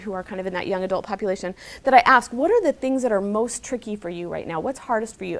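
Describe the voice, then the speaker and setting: A woman's voice: mid-range voice, gravelly. A woman giving an informal, explanatory public talk in an emphatic, conversational way, addressing her listeners directly. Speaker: speaker giving a talk on digital life and psychology.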